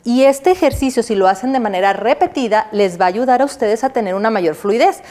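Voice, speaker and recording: A woman's voice: on the high side, lively intonation, fairly quick, warm tone. A woman lecturer from Mexico teaching a recorded university class. She asks the class questions and answers them herself, and checks in with "¿sí?" as she goes. Now and then she acts out what she explains, such as a way of walking. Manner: checks in with the listener by adding "¿sí?"; demonstrates walking and a pencil exercise while she talks.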